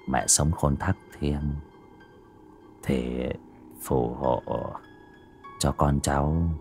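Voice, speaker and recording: A man's voice: very deep voice, pitched below the performer's own voice, full character voice. A man doing a scared young master murmuring a prayer. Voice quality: hushed, halting. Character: frightened young male master praying.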